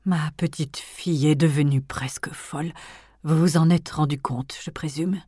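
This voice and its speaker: A woman voicing a cold, menacing elderly aristocratic grandmother in an audiobook, speaking in hushed, often whispered tones that swell into threats. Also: deep voice, steady tone, moderate pace, breathy edge, no echo, clean studio sound. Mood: icy whisper. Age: older. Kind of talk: audiobook character reading.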